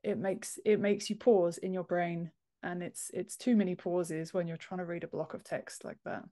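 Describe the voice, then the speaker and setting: Her lowish, warm voice moves at a moderate pace with fairly even intonation. The thirtysomething author and book formatter is a podcast guest on a video call, giving an emphatic, informal interview explanation from an indoor home office through an earphone headset.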